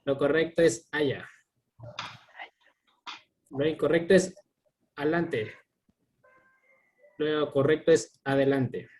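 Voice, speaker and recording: Slow, deliberate man reading aloud. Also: on the high side, steady tone, darkish tone, slight background noise. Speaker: student reading examples aloud.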